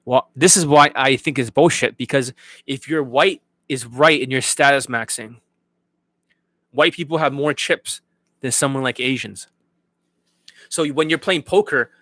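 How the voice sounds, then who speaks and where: On an unscripted livestream, a man gives blunt, profanity-laced dating advice and keeps checking whether viewers are following. His voice is a little high and a bit bright, and the audio carries no echo.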